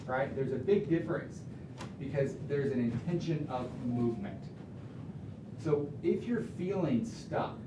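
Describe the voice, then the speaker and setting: A man's voice: medium pitch, noisy background. A man and author giving a conversational, earnest motivational talk to a room of agents, working through lists of ideas. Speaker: speaker and author.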